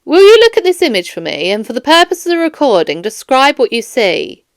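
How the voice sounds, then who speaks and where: A woman with a high, very animated voice, recorded dry in studio quality, plays a firm, formal police detective questioning a suspect in a children's audiobook. Her delivery is measured, stern and probing.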